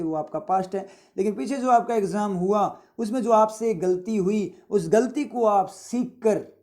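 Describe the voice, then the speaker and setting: Mellow-voiced male vocabulary teacher. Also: high voice. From India. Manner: repetitive explaining with frequent rhetorical checks. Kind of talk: vocabulary lesson with motivational asides.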